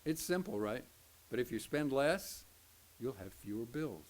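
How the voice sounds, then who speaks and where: Speaking in a medium-pitched, sing-song, unhurried way, an older man from Oklahoma leads a folksy Sunday school class as a pastor in his Southern drawl. He jokes around and performs the quoted voices.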